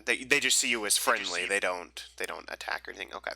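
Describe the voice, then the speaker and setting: A man's voice: low-pitched, quick pace, gravelly, bright, forceful tone, dry recording, low-quality recording. A young man running a tabletop game over a voice call, casual and rambling, full of fillers and restarts. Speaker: game master.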